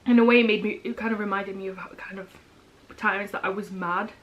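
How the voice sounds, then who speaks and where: Chatting casually over a meal, a young woman vlogger, an older sister, rambles with many "um," "like," and "kind of" fillers. Her medium-pitched voice is steady and brisk, and the recording has its highs cut off.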